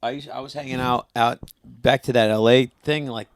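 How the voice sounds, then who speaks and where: A man's voice: mid-range voice, fairly even intonation, moderate pace, no echo, clean studio sound. A young man, a guest comedian, chatting casually on a podcast in a laid-back way, trailing off with lots of "like".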